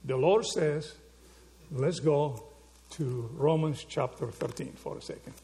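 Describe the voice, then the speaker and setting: This Argentine pastor delivers a sermon slowly and warmly, his gravelly, creaky voice pitched a bit high for a man. He moves through his points with rhetorical questions and keeps checking in with the congregation, asking "okay?" and "right?" again and again.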